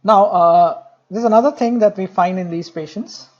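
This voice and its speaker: A man's voice: high voice, normal speed, darkish tone, dull audio. A man giving a medical lecture, joking with the class and repeating key points.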